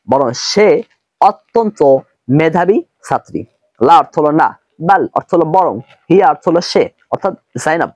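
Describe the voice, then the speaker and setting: A man teaching an Arabic textbook lesson, translating slowly word by word and explaining each term. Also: a little high, a little mellow, no echo.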